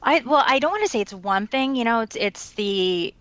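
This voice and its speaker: A woman in her forties from the New York tri-state area, a Japanese native speaker, tells her story fluently as a guest on an interview, where she works as an education author and consultant. Her voice sits on the high side at a moderate pace, relaxed and sprinkled with light laughs. The recording is dry, with the highs cut off.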